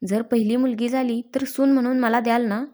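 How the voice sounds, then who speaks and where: A woman's voice: on the high side, fairly even intonation, a little fast, mellow, lightly acted. A woman voicing a cheeky, bold young sister of the groom.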